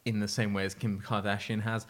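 A man hosts a relaxed podcast chat over drinks. He is opinionated and rambling, often trailing off and starting his words again. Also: on the low side, brisk. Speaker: podcast host. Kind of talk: casual drunk chat.

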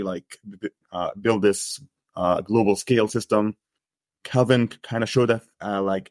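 An Egyptian man in his thirties, a guest researcher on a casual podcast interview, speaks hesitantly, full of "uh" and "like," often restarting. His voice is fairly low, captured dry with clean studio sound.

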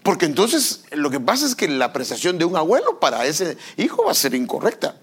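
An older pastor preaches a sermon in a fairly high-pitched, slightly rough voice, talking fairly quickly. He's animated, acting out parents and children in little scenes.

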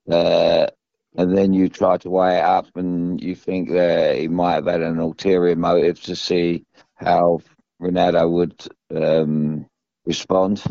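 Older British male pundit, very deep and gravelly, halting casual talk, dull dry recording. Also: dark tone, dry recording. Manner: halting, repeats and restarts phrases. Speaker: former professional footballer, pundit. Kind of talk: casual football discussion.

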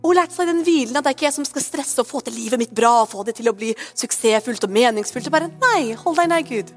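A woman's voice: high-pitched, lively intonation, faint music behind. A woman pastor preaching a sermon in a chatty, conversational way, often asking "right?" and slipping English phrases in.

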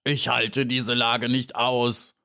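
A man's voice: medium pitch, level tone, slow, gravelly, sharp tone, clear, resonant tone, full character voice. A man voicing a vain, cowardly male dung beetle in a storybook reading, drawn out, whiny and pompous. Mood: wailing.

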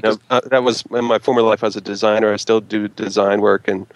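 A designer chatting casually on a podcast, rambling and trailing off between thoughts. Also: male voice, lowish voice, fairly even intonation, fast, no echo.

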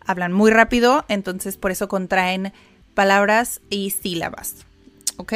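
A chatty woman teacher hosts a relaxed language lesson, often breaking into laughter. She repeats words aloud to drill pronunciation, speaking at a middle pitch, with faint music behind her. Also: unhurried. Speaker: English teacher and podcast host. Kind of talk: casual reaction lesson.

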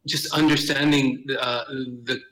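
This podcast guest is a middle-aged man from Miami, United States, who works as a theater director. In casual interview chat he restarts frequently, fills gaps, and mixes in Spanish phrases, speaking at normal speed in a medium-pitched, fairly even, slightly bright voice over poor audio.

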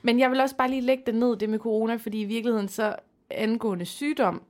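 A woman co-hosting a podcast, telling stories lively with acted-out quotes in a casual chat. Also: on the high side. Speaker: podcast co-host.

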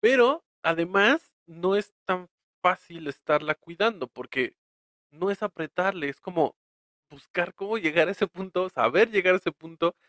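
A man's voice: high voice, expressive, moderate pace, a bit bright, no room sound, studio quality. A man with a Mexican accent co-hosting a podcast, chatting casually, laughing often and trailing off mid-thought. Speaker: podcast co-host. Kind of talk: casual chat.

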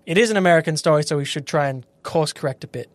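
Man, podcast co-host, casual laid-back film chat, short agreeing replies, slightly high voice, dry close sound. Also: very fast, no room sound.

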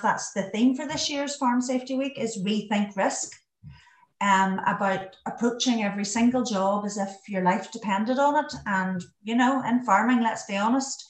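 A woman with a west of Ireland, Donegal accent, chatting plainly and with some self-deprecation as an interview guest. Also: a little high. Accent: Donegal Irish, west of Ireland. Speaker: podcast guest, farm safety charity worker. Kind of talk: casual interview talk. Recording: roomy echo, distant from the mic.

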